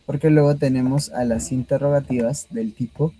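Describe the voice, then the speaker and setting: A male teacher walks through a grammar lesson. His voice is mellow and slightly husky, and he explains patiently, sprinkling quick checks to see whether his listeners are following. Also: mid-range voice, steady tone, dry recording, low-quality recording.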